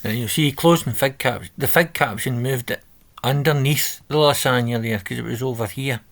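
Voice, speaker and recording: Keyboard clatter accompanies this coding tutor, a man of medium pitch and slightly bright tone speaking at a normal speed. He reads steps aloud from a screen recording, thinking out loud and fixing his own mistakes along the way.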